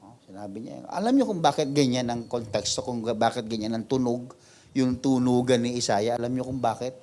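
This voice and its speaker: Pastor guy preaching bible study, lively, mixes english verses in, voices people high and loud sometimes. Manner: animated preaching, voices quoted people, big pitch swings; mixes English verses into Tagalog, halting restarts. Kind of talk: mid-week Bible study sermon.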